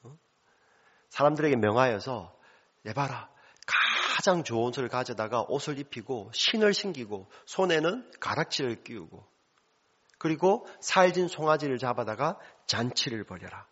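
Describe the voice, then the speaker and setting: A gentle, forgiving older father speaks in a hushed, husky tone, voiced by a man preaching. His words come soft and warm with love, and the recording sounds a little dull and lo-fi. The pitch rises and falls freely. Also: lively intonation, moderate pace. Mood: tender.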